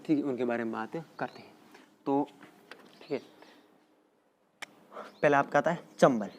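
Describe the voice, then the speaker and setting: A male teacher, dictating a geography lesson slowly and repeating place names often. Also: medium pitch, muffled recording, a little hiss or hum. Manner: slow, repetitive dictation with frequent "theek hai" check-ins. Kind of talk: exam-prep geography lesson.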